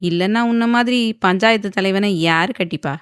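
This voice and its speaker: Woman playing a quarrelsome young wife, teasing, retorting, a touch higher, audiobook, dry close recording. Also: normal speed, clean tone, no room sound, lightly acted. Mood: sulky, retorting. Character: young wife, sulky and sharp-tongued.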